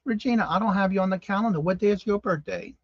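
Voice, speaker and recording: A man in his fifties runs a casual morning live stream, talking fast in a high voice as he reads comments, names viewers and exclaims in disbelief. The recording has no echo and sounds muffled.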